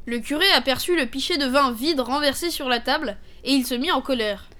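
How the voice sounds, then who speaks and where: A woman with a high, light voice reads a fable aloud, telling the tale in a steady, clear way. Her delivery is measured, like a storyteller reading to listeners. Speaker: narrator.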